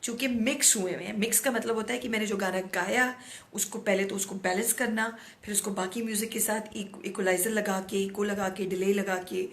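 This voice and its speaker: A middle-aged woman host with a hoarse throat, talking outspokenly in a casual monologue and mixing in English words. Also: medium pitch, a little fast. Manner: outspoken, animated, mixes English words into Urdu. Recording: echoey room, no proper mic.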